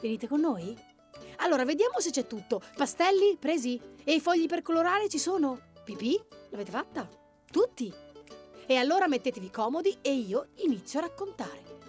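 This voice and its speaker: Narratrice vivace di favole per bambini. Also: female voice, sits high, moderate pace, faint music behind. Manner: lively, voices the characters. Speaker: storyteller for children. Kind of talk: expressive storybook reading.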